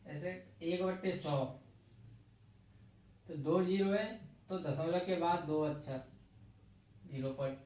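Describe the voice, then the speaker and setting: A man's voice: on the high side, takes it slowly, long pauses, a little mellow. A man with a Hindi accent from the Agra region teaching a math lesson in a classroom, explaining step by step and counting digits aloud. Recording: very echoey, distant, dull lo-fi room sound.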